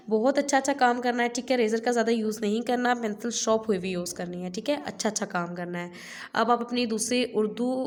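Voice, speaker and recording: A woman nursery teacher with a Pakistani Urdu accent, patiently drilling letter sounds in a recorded class. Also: on the high side. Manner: patient, drills letters slowly and repeats "theek hai". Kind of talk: recorded online class lesson.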